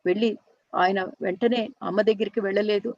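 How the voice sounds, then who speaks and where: A woman telling a long story unscripted, earnest and halting, often restarting and correcting herself mid-sentence. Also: medium pitch, fairly even intonation, a little mellow, no echo, dull audio. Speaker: storyteller and workshop teacher.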